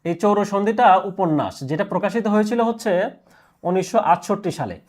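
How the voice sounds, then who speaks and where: A male teacher giving an exam prep lecture, asking questions and answering them himself, repeating key answers slowly. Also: high voice, animated, a little mellow.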